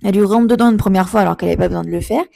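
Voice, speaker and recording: A woman's voice: medium pitch, rapid-fire, gravelly, warm tone. A woman in a casual storytime vlog, retelling a confrontation as an indignant, emphatic mother who repeats her points.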